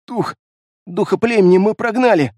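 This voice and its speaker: A man's voice: sits high, moderate pace, a little mellow, no echo, studio quality, voice pushed up, lightly acted. A man voicing a terrified, half-mad male beast-man who pleads and babbles frantically, in an audiobook. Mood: babbling.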